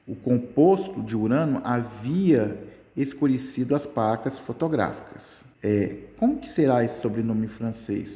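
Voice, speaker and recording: A man's voice: medium pitch, mellow. A man teaching a casual Brazilian Portuguese physics lesson, checking in with the class at nearly every step. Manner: chatty, keeps checking in with "tá?". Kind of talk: casual exam-prep lesson. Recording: echoey room with long reverb.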